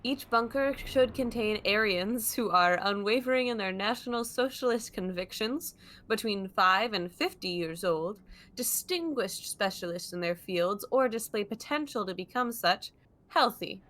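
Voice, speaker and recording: A woman voicing a cold official by reading a memo robotically and flatly. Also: mid-range voice, moderate pace, lightly acted.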